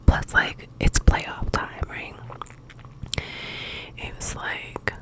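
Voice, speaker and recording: An ASMR video host, a woman, whispers in a hushed, breathy voice, quiet as though it were late at night. She rambles casually in halting phrases, like a personal ASMR chat. The recording is low quality.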